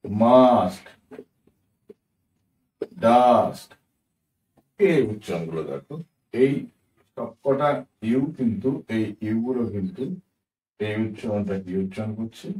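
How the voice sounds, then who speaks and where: A man teaching English pronunciation in a patient spoken lesson. He spells out example words slowly letter by letter and often checks in with his listeners. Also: lowish voice, expressive, dark tone. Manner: patient, addresses viewers as friends, asks "ঠিক আছে?", corrects himself with "sorry". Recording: echoey room, voice a bit far from the mic.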